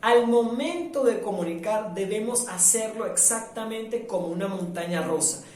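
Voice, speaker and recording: A man from Venezuela teaching a live online public speaking workshop, lively and demonstrative, acting out the sounds he describes. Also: high voice, moderate pace. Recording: very echoey room, mic at a distance.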